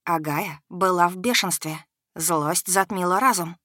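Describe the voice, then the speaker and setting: Low-voiced woman narrating an audiobook. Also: measured pace, fairly bright tone, no echo, studio quality.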